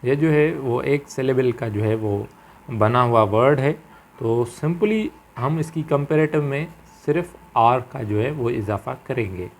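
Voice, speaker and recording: Male teacher, slow halting lecture delivery, faint background hiss. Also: medium pitch, lively intonation. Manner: halting, many fillers and repeated phrases; mixes English terms into Urdu-flavoured Hindi. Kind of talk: grammar lecture.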